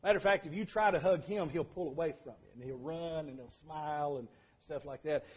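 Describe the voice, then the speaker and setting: An older man preaching a sermon, telling stories and building to fervent shouts. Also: fairly high pitch, a little fast, slightly rough. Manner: storytelling, builds to shouting at climaxes.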